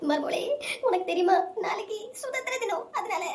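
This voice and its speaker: A woman's voice: extremely high pitch, moderate pace. A woman voicing a dramatic, self-pitying old mother-in-law who whines and wails in a comedy skit. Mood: complaining. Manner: whining, wailing. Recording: roomy echo with faint music.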